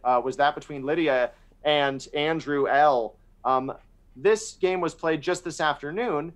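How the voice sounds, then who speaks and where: A man co-hosting a chess show, reflecting on principles and games in a thoughtful, casual way, his voice softening at the end of phrases. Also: a little high. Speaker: chess commentator.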